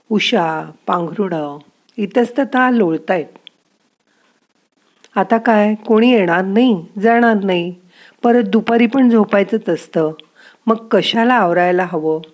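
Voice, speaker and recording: A woman's voice: medium pitch, darkish tone. A woman narrating a guided meditation in a soothing, questioning way.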